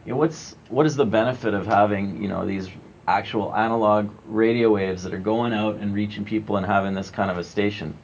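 A man's voice: lowish voice, fairly even intonation, a little fast, a little hiss or hum. A man interviewing a radio host, asking curious, conversational questions. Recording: slightly dull lo-fi sound with faint music.

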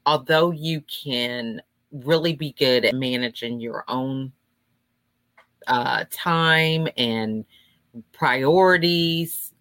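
A woman speaks earnestly and openly in a casual discussion. Her delivery is very slow, with a bright, forward tone. The recording is dry and close. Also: rumbling low, no echo.

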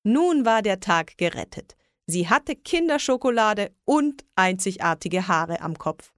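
A woman reading a children's story aloud in a slow, lilting storybook way. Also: medium pitch, sing-song, no echo, studio quality.

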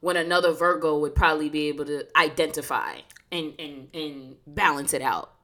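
A woman's voice: sits low, moderate pace, fairly bright tone. A woman chatting casually and informally, asking questions and feeling out her phrasing as she goes.

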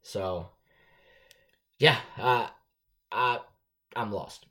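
A man's voice: lowish voice, drawn-out words, bright, forceful tone. A man co-hosting a casual podcast, joking and rambling. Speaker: podcast co-host. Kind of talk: casual chat.

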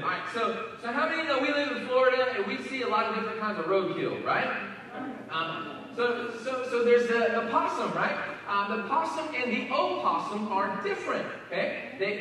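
A man's voice: high voice, bright, forceful tone, slight background noise. A male pastor, preaching a folksy, joking sermon to his congregation in a church hall. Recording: echoey hall, mic at a distance.

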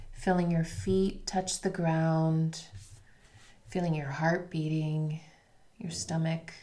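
This woman has a fairly low, darkish voice that sounds slightly congested following an illness. As a podcast host and meditation guide, she speaks without a script, teaching guided breathing and drifting into easygoing personal conversation.

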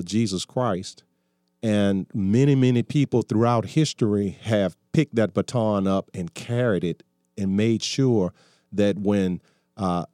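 An older man in his sixties hosts a call-in talk radio show. His voice sits very low and sounds warm and relaxed, caught dry and close on a studio mic. He talks in a folksy, preachy way that doubles back and restarts mid-sentence. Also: dry recording. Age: 60s.

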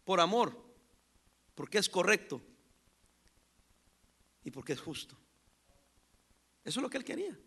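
A man preaching a sermon as pastor, telling stories with acted-out dialogue and loud emphatic bursts. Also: sits high, big pitch swings, measured pace, creaky, long pauses, breathy edge.

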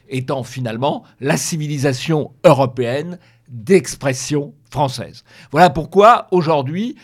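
A middle-aged man, an author interviewed on the radio, explaining his views in a measured, emphatic way and repeating key phrases. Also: on the high side. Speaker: author guest.

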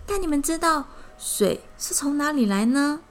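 A woman with a Taiwanese Mandarin accent, telling a children's story in an animated, sing-song way and gently explaining its lesson. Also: high voice, normal speed.

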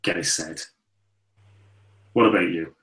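A man's voice: low-pitched, unhurried, fairly bright tone, low-quality recording. A man co-hosting a podcast in casual chat, rambling with repeated fillers. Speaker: podcast co-host.

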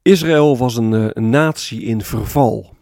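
A man preaching a sermon as pastor, explaining calmly and often adding a tag word to his points. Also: medium pitch, unhurried, vocal fry. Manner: calm explanatory preaching with frequent "hè" tags.

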